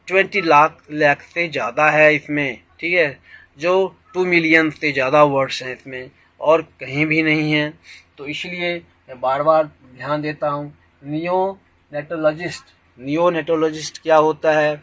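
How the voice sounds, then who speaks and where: A man talks through a vocabulary lesson at a very unhurried pace. His voice is bright and a little high for a man. He leans on the same phrase again and again and breaks words apart slowly as he drills them. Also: no echo, low-quality recording. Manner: lecturing, repeats "ठीक है", mixes English phrases; boastful about his own teaching. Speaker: English teacher. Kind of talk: Hindi-language lecture.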